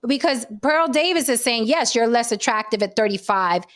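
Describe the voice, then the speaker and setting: A talk show host in her late 40s leads a relaxed panel, spinning animated, chatty stories full of tangents. She speaks at a moderate pace in a voice on the higher side.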